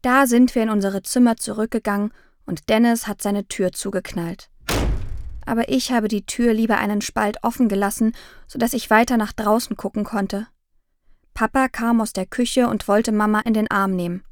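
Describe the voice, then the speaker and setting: A woman calmly narrating a children's audiobook in the first person. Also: mid-range voice, normal speed, no room sound, clean studio sound.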